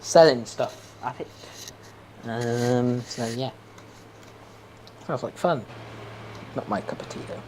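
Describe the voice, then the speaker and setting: A man's voice: mid-range voice, slow, long pauses, a little mellow, a little hiss or hum. Rambling young man gaming. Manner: rambling, opinionated, laughs often. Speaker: gaming streamer. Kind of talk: casual chat while playing a game.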